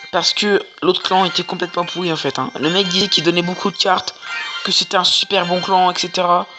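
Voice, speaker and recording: A gamer doing casual, slangy, exclamatory live commentary on gameplay, with a mid-pitched voice. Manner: informal, slangy, exclaiming at plays. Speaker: gaming video creator. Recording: music behind the voice. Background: music.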